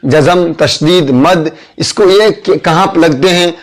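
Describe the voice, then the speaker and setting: A man talks through an alphabet lesson at a slow, unhurried pace. His voice sits a little high for a man, and he patiently repeats each letter and its sound one after another. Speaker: Urdu teacher.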